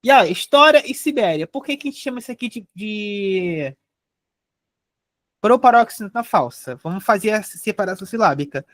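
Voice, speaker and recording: A young Brazilian woman teaching a live online grammar lesson, explaining step by step and spelling out syllables slowly. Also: mid-range voice, expressive, no echo, clean studio sound. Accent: Brazilian Portuguese.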